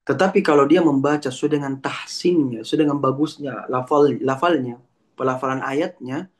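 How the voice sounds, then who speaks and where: A man's voice: mid-range voice, normal speed. A man teaching as an Islamic lecturer over an online call, explaining patiently, reciting Arabic verses and restarting words. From Palembang. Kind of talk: religious lecture answering a question.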